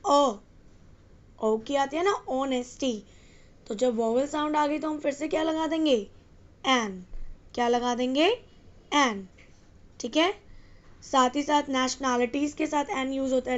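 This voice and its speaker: Woman grammar teacher, high voice, dull lo-fi recording, asks the class and answers herself. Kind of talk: exam-prep English grammar lesson.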